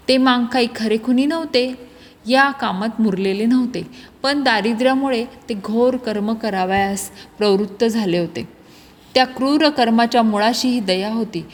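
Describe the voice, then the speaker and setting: A woman reads a classic novel aloud in a steady, expressive storytelling voice. Her pitch sits on the higher side. A long reverb trails each sentence. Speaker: narrator. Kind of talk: audiobook narration of a classic novel.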